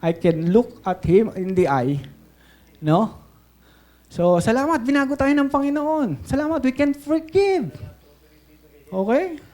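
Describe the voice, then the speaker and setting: A man's voice: extremely high pitch, big pitch swings, slow pace, long pauses, warm tone. A Filipino man preaching a sermon as pastor, telling stories with animation, switching between English and Tagalog and often checking in with "Okay?".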